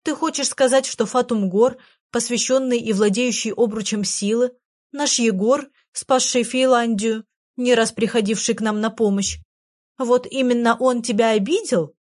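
A woman reading a storybook voicing a tiny girl fairy who is excitable, naive and chatters rapidly. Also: mid-range voice, lightly acted. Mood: astonished. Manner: rapid chattering, easily startled.

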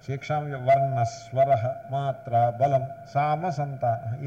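A man's voice: fairly high pitch, mellow. Older male spiritual teacher, patient and explanatory, slips into English phrases, lo-fi lecture tape. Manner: explanatory, mixes English phrases, stresses syllables while demonstrating recitation. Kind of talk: scripture discourse. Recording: dull lo-fi lecture recording with faint hiss.

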